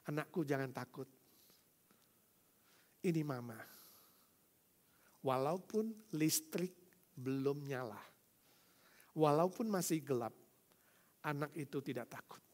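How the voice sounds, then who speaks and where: A man preaching a sermon, swinging between loud proclamations and soft, quiet passages, addressing listeners as brothers and sisters and asking them direct questions. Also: a little high. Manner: calls the audience "saudara" and asks them direct questions. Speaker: pastor.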